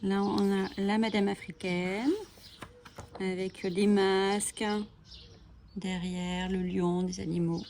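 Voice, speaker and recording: A woman's voice: mid-range voice, level tone, slow, gravelly, darkish tone, slight background noise. Chatty, enthusiastic woman vlogger. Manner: chatty and enthusiastic, with frequent fillers. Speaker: coloring channel host. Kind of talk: casual book flip-through. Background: bird chirping.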